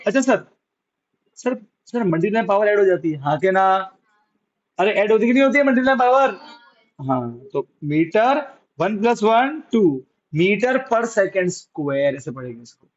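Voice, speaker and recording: A man teaching physics to a class, with a fairly high voice. He keeps asking questions, then answers them himself in a coaxing way. The classroom recording sounds dull and lo-fi. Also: big pitch swings, normal speed. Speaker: science teacher.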